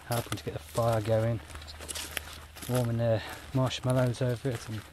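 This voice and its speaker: An older Australian man, an outdoor gear vlogger, chats casually while filming at a trail shelter in the bush, relaxed and rambling with plenty of fillers. His mid-range voice moves at a normal pace. An action camera worn on his body or set nearby picks up background noise and clear bush ambience.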